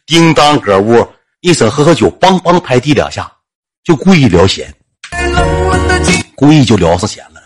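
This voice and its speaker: A man with a Northeastern Chinese accent telling a comic story in a lively, colloquial way. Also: mid-range voice, normal speed, pauses often, slightly rough, soft background music. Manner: lively, colloquial, acts out voices.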